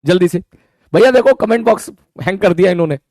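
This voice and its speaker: A male teacher with a lilt, joking with his online class. His voice sits high and leaps around in lively swoops. He talks close to the mic in a dry room with no echo. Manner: playful teasing, repeats words in rapid runs; breaks into high mock voices when quoting students. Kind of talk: casual live online class banter.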